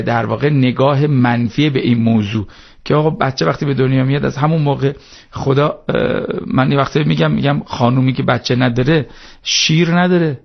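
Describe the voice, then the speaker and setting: A man's voice: medium pitch, vocal fry, dull audio. A male talk-show guest who argues religious points in a preachy way, with hesitant fillers. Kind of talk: studio talk-show discussion.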